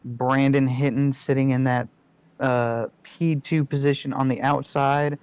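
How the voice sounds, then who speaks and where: A man giving calm, considered color commentary on an online truck race. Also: mid-range voice, clear, resonant tone, dry recording, dull audio. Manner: slow, measured analysis. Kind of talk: sim racing analysis.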